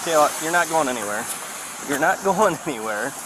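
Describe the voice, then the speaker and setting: A male police officer at a roadside, giving calm, firm instructions. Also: fairly high pitch, brisk. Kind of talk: real bodycam exchange. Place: roadside outdoors. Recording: loud noisy bodycam audio.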